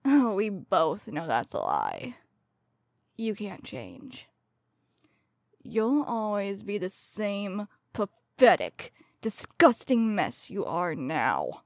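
A woman playing a coldly tender serial killer in a soft, breathy ASMR role-play, slowly soothing her victim as if comforting someone in her lap. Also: mid-range voice, wildly swooping pitch, no echo, studio quality, heavily acted. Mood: contemptuous.

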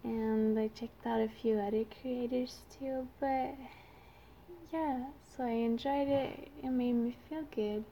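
A young woman with a youthful, lightly high voice and a Quebec French accent from her native French. She talks slowly in a casual, shy, hesitant way, as if chatting to her listeners. Some background noise sits behind her. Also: fairly even intonation, warm tone. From Canada. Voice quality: youthful-sounding voice. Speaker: amateur audio creator.

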